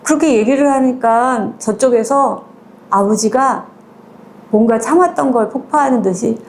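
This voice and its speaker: Chatty woman retelling a story, higher voice. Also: normal speed, slight background noise. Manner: chatty, mixes polite and casual speech endings; acts out quoted lines in small voices. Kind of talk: conversational storytelling.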